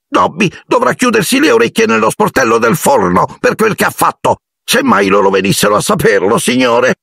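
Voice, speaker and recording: A man reading an audiobook and voicing a tearful, servile male house elf with a piercing, squeaky voice that wails and grovels. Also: normal speed, gravelly, a bit bright, husky, dry recording, studio quality, heavily acted. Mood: anxious. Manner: groveling, overwrought, wailing. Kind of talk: audiobook character voice.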